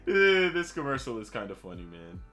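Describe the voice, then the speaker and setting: A man's voice: medium pitch, a little fast, faint music behind. A man streaming his game development, talking casually to viewers and thinking aloud as he works. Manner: relaxed, thinking aloud, chatty asides to viewers. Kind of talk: casual live-stream chat.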